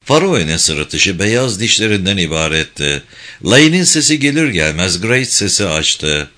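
A man narrating an audiobook in a steady, even reading voice. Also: low-pitched, a little slow. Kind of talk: scripted narration.

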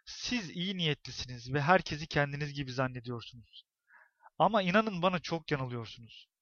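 A man's voice: on the high side, animated, brisk, no echo, dull audio. A man voicing a grim, unhinged middle-aged woman neighbor in a spoken story, with theatrical, ominous delivery. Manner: theatrical, ominous, rising to shouts.

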